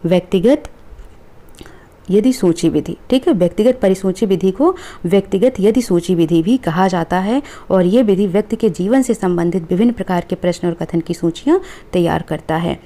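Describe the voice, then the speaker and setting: A woman's voice: on the low side, mellow. A woman teacher, going through exam questions and reading out each answer option, often checking in with the class. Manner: reads multiple-choice options aloud, checks in with "ठीक है". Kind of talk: exam question review lesson.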